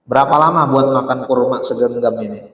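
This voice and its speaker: A man's voice: medium pitch, brisk, a bit bright. A man preaching a casual sermon, telling stories with rhetorical questions to the audience and reciting Arabic. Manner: colloquial speech with Arabic recitation. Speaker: Islamic preacher. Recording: echoey hall reverb.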